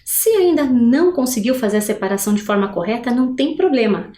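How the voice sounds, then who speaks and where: Lively woman teacher, echoey room. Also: fairly high pitch. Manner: slow, drawn-out pronunciation of example words; asks questions to the viewers, frequent "né?". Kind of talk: recorded video lesson for adult learners.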